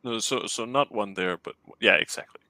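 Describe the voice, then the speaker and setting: A man with a Danish accent, a client commissioning a map, chats casually over a call, hesitant and giggly and often restarting his sentences. His fairly low voice runs a little fast with a bright, forceful tone, recorded dry.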